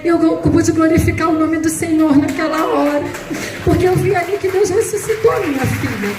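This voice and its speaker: High-voiced woman preaching in an echoey church. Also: fairly quick, music in the background, a crowd in the background. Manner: emotional, dramatic retelling, voice rising high at climaxes. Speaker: missionary preacher. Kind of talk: sermon with personal testimony. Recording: echoey room, faint noise.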